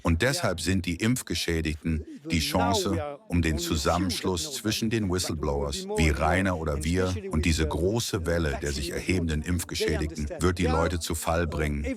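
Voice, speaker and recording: French man, very low voice, emphatic and rhetorical, crowd noise behind. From France. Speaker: alternative media reporter. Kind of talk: street interview.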